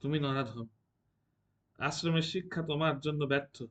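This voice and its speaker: A man reading the part of a proud young woman who answers with sharp, scornful retorts. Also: on the high side, normal speed, close to an everyday voice. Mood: indignant.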